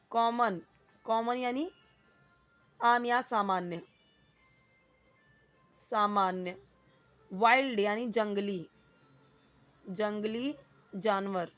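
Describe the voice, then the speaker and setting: A woman teaching English in Hindi, patiently explaining grammar and reading English sentences slowly. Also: a little high.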